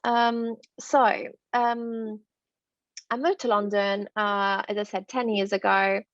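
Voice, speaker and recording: Taking it slowly, with little pitch movement in her mid-range voice, a northern Italian woman with an Italian accent presents a dental masterclass online over a video call. The recording is muffled without echo, and she chats along with many fillers and restarts.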